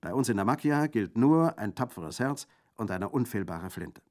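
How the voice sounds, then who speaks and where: A man's voice: lowish voice, lively intonation, normal speed, a little mellow, voice pushed up, natural voice. A man voicing a scholarly former theologian turned bandit in a radio reading, florid and ironic. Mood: wry.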